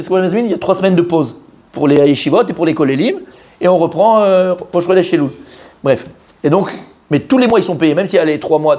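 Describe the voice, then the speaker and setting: Fast-talking rabbi telling a story. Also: male voice, fairly high pitch. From Israel. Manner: animated storyteller who acts out quoted voices. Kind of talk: storytelling sermon.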